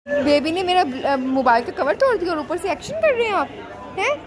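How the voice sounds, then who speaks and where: A woman in her thirties with a Pakistani Urdu accent vlogs casually at home and at a restaurant, chatting and talking to her children, alternately scolding and coaxing them. Her voice is very high-pitched, animated and a little fast.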